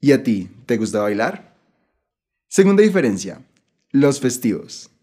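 A man's voice: medium pitch, very animated, measured pace, warm tone. Upbeat male podcast host. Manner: cheerful, enthusiastic, laughs easily. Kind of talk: scripted podcast narration.

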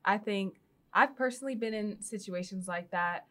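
A young adult woman hosting a casual interview podcast, chatty and relaxed with frequent filler words. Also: mid-range voice, moderate pace. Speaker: podcast host.

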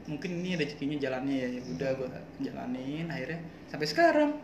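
A man's voice: mid-range voice, very animated, fast talker. A young man telling a personal story in casual chat, laughing often as he talks. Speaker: guest telling his story. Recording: echoey room with background noise.

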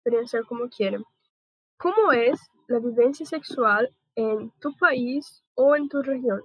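A woman's voice: on the high side, measured pace, husky. Young Brazilian woman hosting a call. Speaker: host. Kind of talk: casual video-call panel. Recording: dry, dull lo-fi call audio.

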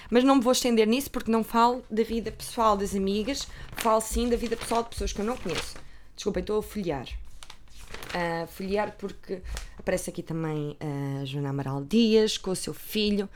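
A woman's voice: medium pitch, brisk, slight background noise. A woman with a European Portuguese accent, chatting casually about gossip magazines, rambling and sometimes dropping to a whisper.

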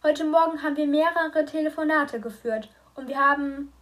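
A woman reading a stern, controlling mother's lines in an audiobook, slow and clear with bitter edges. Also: high voice, fairly bright tone, voice pushed up. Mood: cold. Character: stern middle-aged mother, cold and controlling.

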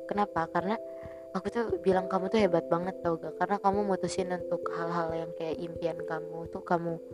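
A young woman talks gently and earnestly, as if comforting a listener. Her voice sits somewhat low, and she pauses and restarts often. Music plays clearly behind her. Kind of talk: casual heartfelt advice to a listener. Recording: music playing loudly behind.

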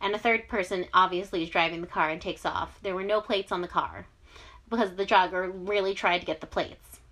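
A woman's voice: on the low side, a little fast, fairly bright tone. Chatty young woman telling a true crime story. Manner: chatty, sarcastic asides, frequent fillers. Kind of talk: casual storytelling chat.

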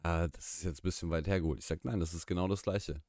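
Talking fast in a steady, low-pitched, darkish voice, a young man whose first language is Russian co-hosts a casual podcast chat live-streamed from a small room. He rambles, airs his opinions and restarts often to self-correct, in studio-quality audio without room sound.

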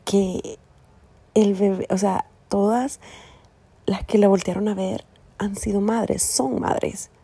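Indignant young mother with a gravelly voice. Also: mid-range voice, fairly even intonation, slow, long pauses, dark tone, no room sound. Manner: earnest, indignant storytelling. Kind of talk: casual vlog monologue.

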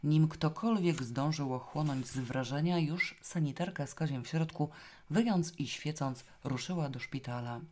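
A woman reading a novel aloud in the first person, with a wry, lively storytelling manner. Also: low voice, moderate pace. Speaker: audiobook reader. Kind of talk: scripted first-person narration.

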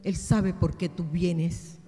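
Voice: mid-range voice, steady tone, slow, mellow, long reverb tail, faint music behind. A preacher delivering a sermon, speaking directly and emphatically to the congregation as brothers and sisters.

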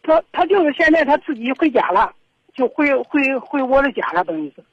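A woman's voice: high-pitched, very animated, brisk, no room sound. A middle-aged woman, calling in and telling her story in an aggrieved, rambling way with many restarts. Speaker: caller. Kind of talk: phone-in confession. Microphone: telephone. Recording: dull lo-fi phone line.

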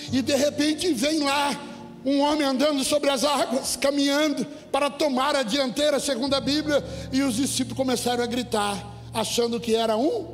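Brazilian male pastor, very high voice, fiery emphatic sermon, long church reverb with soft music behind. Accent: Brazilian Portuguese. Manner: emphatic, rising to shouts; addresses the congregation directly. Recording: echoey hall with faint music.

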